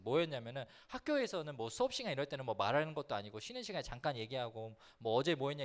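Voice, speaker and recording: Man, youth pastor, high voice, very lively pitch, humorous storytelling sermon, speaks directly to teens.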